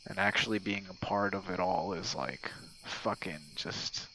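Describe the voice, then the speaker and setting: A young man with a low voice speaks at a measured pace, bright and forceful, leaving a rambling, relaxed message for his gamer friend laced with swearing and self-deprecating jokes. He's an online audio roleplay creator and streamer. The poor audio has slight background noise alongside crickets and night sounds.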